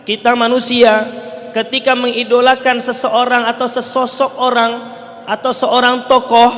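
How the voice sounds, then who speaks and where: Inside a large hall with long reverb, a man with a very high, somewhat bright voice preaches a sermon as an Islamic preacher. Speaking Riau Malay-tinged Indonesian, he throws rhetorical questions at the congregation and checks in with them often.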